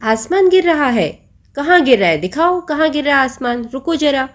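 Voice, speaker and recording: A woman's voice: sits high, expressive, normal speed, pitched above the performer's own voice. A woman voicing a brave, wise male lion, king of the jungle, who asks commanding, roaring questions in a storybook lesson.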